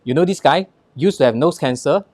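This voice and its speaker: A man's voice: on the high side, brisk, darkish tone, no room sound. A man with a Singaporean accent presenting a live product demonstration, instructing the audience in short punchy phrases and rhetorical questions, with personal anecdotes mixed in.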